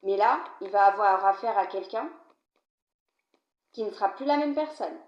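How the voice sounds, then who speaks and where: A French woman with a cold reads cards to camera at normal speed, coughing as she goes. She keeps it conversational, speaking directly to the viewer and frequently asking "d'accord?". It's a low-volume, dull home recording with a roomy sound.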